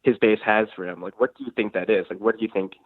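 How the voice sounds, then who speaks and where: A man's voice: lowish voice, steady tone, fast, breathy edge, no echo. Hesitant man as a radio show caller on a tinny phone line. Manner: hesitant, filler-heavy phrasing with many "um" and "like". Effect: radio show caller heard over a phone line. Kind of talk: casual call-in question.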